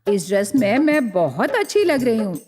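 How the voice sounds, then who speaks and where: A woman's voice: a little high, wildly swooping pitch, moderate pace, a little mellow, breathy edge, pitched below the performer's own voice, exaggerated voice. A woman voicing a chatty middle-aged village mother-in-law who scolds and boasts. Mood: vain. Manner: scolding, then vain and boastful. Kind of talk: storybook character voice. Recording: reverberant, with faint music.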